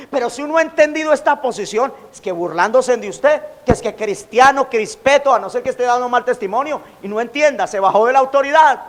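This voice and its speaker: A man preaching a sermon as pastor, animated, acting out quoted taunts. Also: very high-pitched. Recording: long hall reverb.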